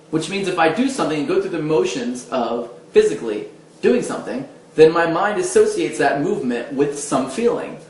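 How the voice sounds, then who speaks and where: A man's voice: on the high side, slight background noise. Man coaching, in a roomy echo. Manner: explains step by step, acting out gestures as he talks. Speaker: dating coach. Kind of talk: casual instructional talk to camera. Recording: roomy echo, faint background ambience.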